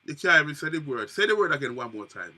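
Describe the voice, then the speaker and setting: A man's voice: on the high side, very animated, fast talker, sharp tone. A man, a co-host doing playful, mock-indignant banter. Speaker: show co-host. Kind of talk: comic banter.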